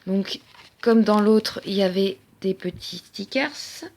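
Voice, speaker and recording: A woman's voice: medium pitch, takes it slowly, vocal fry, a little mellow. A woman chatting casually as she shows off her craft-supply haul, hesitating often with fillers. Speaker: crafting vlogger. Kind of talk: casual haul show-and-tell. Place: at home.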